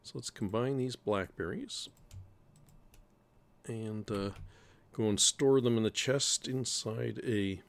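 A man's voice: medium pitch, takes it slowly, vocal fry, long pauses. A middle-aged man hosting casual let's-play commentary, rambling and thinking aloud at his desk mic with dry humor. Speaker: gaming channel host.

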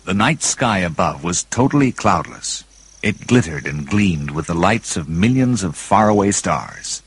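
A man's voice: deep voice, a bit bright, slightly rough. A man reading a read-along storybook in a dramatic, vivid narration.

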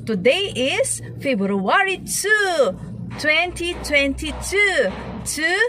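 A woman's voice: sits high, sing-song, extremely slow, bright, forceful tone, faint music behind. A woman in her thirties vlogging in a bubbly, playful way from inside a parked car, speaking into a phone held at arm's length. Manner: bubbly, playful, laughing often, sing-song greetings. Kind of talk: casual chatty vlog. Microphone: phone camera held at arm's length.

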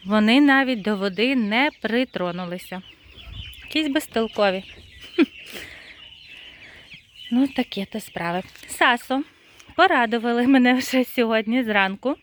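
Chatty woman vlogging among her poultry. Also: a bit bright. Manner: chatty, laughs often, calls birds in a high singsong. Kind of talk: casual vlog chat while tending birds. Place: outdoor yard with poultry.

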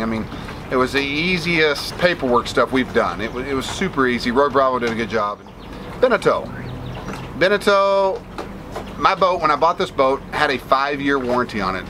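A man in his forties, casually answering viewer questions to camera from a sailboat deck, rambling with restarts and fillers. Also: mid-range voice. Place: outdoors on a sailboat deck in a bay. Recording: outdoor boat noise behind voice. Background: boat and water ambience.

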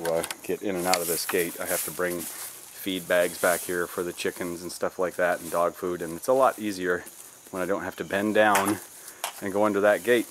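Southern guy in his 50s, kinda low voice, talking thru a backyard fix, crickets and bugs clearly audible. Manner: plain, practical explaining while working. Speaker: DIY video host. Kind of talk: casual how-to narration. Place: outdoors in a backyard. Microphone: camera mic from a few feet away. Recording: outdoor camera audio with insect noise.

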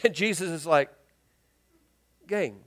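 A man with a high voice preaches a sermon in a church. He tells the passage like a story, playing each character in quick, lively voices. For the key points he drops low and quiet. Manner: animated storytelling, acts out the people in the text in quick lively voices. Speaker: pastor. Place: church sanctuary.

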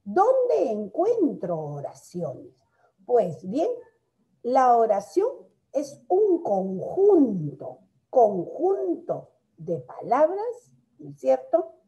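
A woman teaching a grammar lesson to young pupils, explaining slowly, asking frequent rhetorical questions and affectionately calling them her loves. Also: sits high, wildly swooping pitch, dark tone. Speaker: primary school teacher. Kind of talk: recorded grammar lesson for children.

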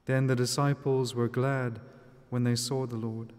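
A man speaking as a priest, reading the gospel and preaching in a measured, solemn way, with a cathedral-like echo. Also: medium pitch, little pitch movement, darkish tone, clear, resonant tone. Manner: measured, solemn liturgical delivery. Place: convent chapel. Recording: long echoing church reverb.

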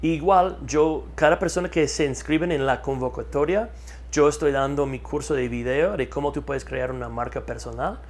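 This is a man from the United States with a fairly high voice and a moderate pace, interviewed as a marketing consultant. He's on a lapel mic in a studio with a map backdrop, talking energetically, repeating key words for emphasis, and gesturing animatedly.

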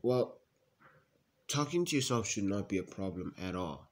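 In a homemade comedy sketch, a man voices a self-absorbed young brother. He rambles defensively and packs his talk with fillers. The voice sits slightly low. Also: lively intonation, normal speed.

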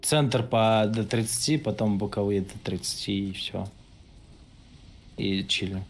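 A man's voice: lowish voice, measured pace. A man leading an online game raid over voice chat, giving blunt, bossy, profane instructions. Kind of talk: casual gaming voice chat, calling instructions. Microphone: online voice-chat microphone. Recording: slightly noisy gaming voice chat.

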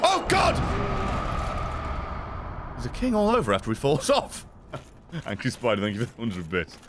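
A man commenting live on his video game, swearing often and swinging between low mutters and exasperated shouts. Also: huge pitch swings, a little fast, noisy background. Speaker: streamer. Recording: gameplay stream with music behind.

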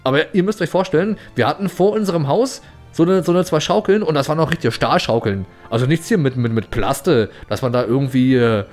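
Higher-pitched man, chatty gameplay commentary. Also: a little fast, a little mellow. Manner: playful, rambling, chatty. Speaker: let's play host. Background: game music.

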